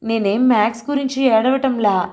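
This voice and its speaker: A woman's voice: mid-range voice, moderate pace, dark tone, natural voice. A woman voicing an earnest, tearful young schoolboy talking to his grandmother in an audio story, in a raised childlike voice mixed with English words.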